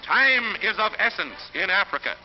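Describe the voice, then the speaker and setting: A man's voice: high-pitched, big pitch swings, moderate pace. A man giving dramatic, emphatic 1940s narration on an old newsreel soundtrack. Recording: dull lo-fi 1940s film soundtrack with music.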